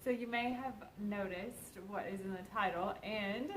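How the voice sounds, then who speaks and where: Rambling young woman, soft Kentucky accent. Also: medium pitch, unhurried, rough recording. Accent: mild Kentucky Southern. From Kentucky, USA. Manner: rambling, filler-heavy. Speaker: co-host. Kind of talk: casual chat.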